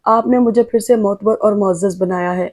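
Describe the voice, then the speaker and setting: A woman's voice: mid-range voice, steady tone, darkish tone, close to an everyday voice. A woman voicing a devoted, tearful young wife. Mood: earnest. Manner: earnest, emotional.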